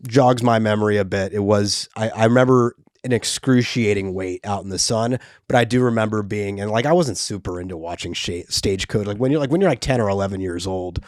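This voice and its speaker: A man co-hosts a podcast and wanders through his memories, filling the gaps with ums and likes. His voice is fairly low and recorded dry, right up against the mic. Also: brisk, hardly any pauses, dry recording. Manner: rambling recollection with many fillers. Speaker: podcast co-host. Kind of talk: casual chat.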